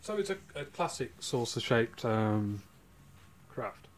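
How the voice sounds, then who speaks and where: A man hosting a casual podcast, telling a case and reading quotes aloud with halting restarts. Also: mid-range voice, sing-song, a little hiss or hum.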